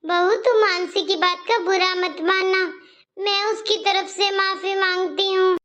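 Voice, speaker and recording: A woman's voice: very high-pitched, level tone, measured pace, lo-fi sound. A woman voicing a kindly, worried middle-aged mother in a cartoon story. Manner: gentle, regretful, pleading.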